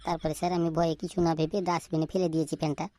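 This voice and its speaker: A woman's voice: deep voice, flat delivery, rapid-fire, warm tone, no room sound, lightly acted. A woman voicing a timid, guilty schoolboy in a cartoon, stammering and pleading in fear. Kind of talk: cartoon voice acting.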